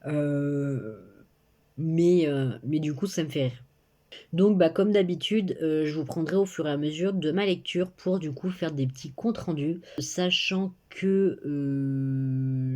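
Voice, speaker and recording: Young woman, 19, casual book vlogger; soft, warm tone, halting delivery with lots of fillers, phone-recorded at home. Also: deep voice. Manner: hesitant, full of filler sounds and restarts. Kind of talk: casual reading vlog. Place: bedroom at home. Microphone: phone camera.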